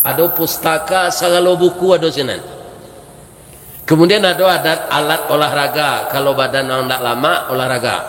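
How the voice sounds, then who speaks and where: A male preacher with a Minangkabau accent tells a humorous sermon story in a lively, rhetorical way. His voice sits a little high for a man. It rings with long reverb through an echoey mosque hall. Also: normal speed. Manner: lively, rhetorical, keeps asking "right?".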